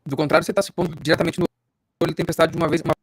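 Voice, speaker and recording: A man's voice: a little high, level tone, very fast, slightly rough, no echo, clean studio sound. A man interpreting live over an online call, his voice breaking up on a bad connection.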